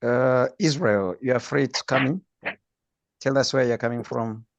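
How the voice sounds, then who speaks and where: A man's voice: mid-range voice, measured pace, no echo. A man co-hosting an online meeting, politely calling on attendees one by one with brief prompts. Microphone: video call. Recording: dull dry online call audio.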